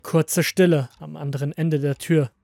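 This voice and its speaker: A narrator reading a horror story in a hushed, scripted storytelling manner. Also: medium pitch, fairly even intonation, moderate pace, creaky, no echo.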